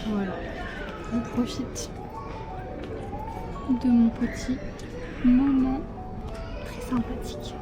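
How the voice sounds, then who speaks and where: A woman's voice: on the high side, steady tone, slow pace, long pauses, over music. A young woman chatting casually to her camera in a vlog, with many fillers and repeated words. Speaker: vlogger. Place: out and about in town, café terrace.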